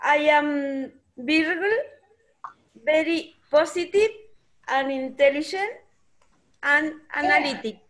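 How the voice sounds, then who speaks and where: A woman in her sixties answers in short, plain phrases. She speaks slowly in a high voice. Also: fairly bright tone. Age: 60s. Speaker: student.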